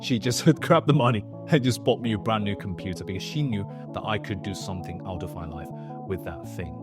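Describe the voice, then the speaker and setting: Young man, twenties, earnest vlog storytelling, low voice, faint music behind. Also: brisk. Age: 20s. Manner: earnest, animated storytelling with acted-out quotes. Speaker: YouTuber.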